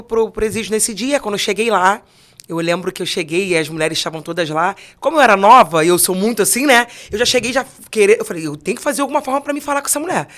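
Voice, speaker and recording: A young woman on a podcast, telling her faith testimony in a casual way, acting out the dialogue and often restarting her sentences. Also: medium pitch. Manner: animated storyteller, acts out dialogue in voices; frequent restarts and repeated words. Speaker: podcast co-host.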